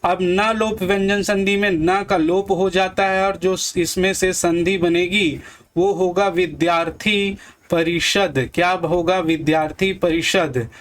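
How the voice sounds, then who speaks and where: Guy teaching hindi grammar, high voice, says each word twice and asks the class what it makes. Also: steady tone, fairly bright tone. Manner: repeats and drills words slowly, quizzing viewers. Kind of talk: exam-prep grammar lesson.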